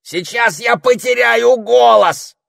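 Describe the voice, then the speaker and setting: A man voicing an irritable old male parrot who yells and squawks in exasperation, in an audiobook. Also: wildly swooping pitch, very slow, dry recording, studio quality, heavily acted. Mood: shouting. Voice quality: shrill, gravelly. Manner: yelling, exasperated.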